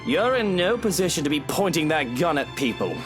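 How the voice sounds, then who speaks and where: An actor playing a smug, condescending, wealthy mansion owner in a game. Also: male voice, fairly high pitch, very animated, brisk, fairly bright tone, soft background music. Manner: condescending, mocking.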